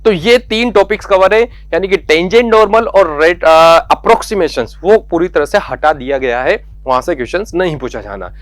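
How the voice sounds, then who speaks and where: Guy teaching maths, high voice, dry sound, keeps coaxing the students and repeating stuff. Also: moderate pace, few pauses, no room sound. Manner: coaxing, repeats key points, calls students beta and yaar. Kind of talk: exam syllabus lesson.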